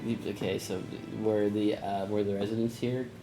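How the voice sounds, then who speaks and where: A man in casual role-play chat as a player, thinking aloud and asking halting questions in a joking way. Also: fairly low pitch, level tone, dark tone, low-quality recording. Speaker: tabletop game player.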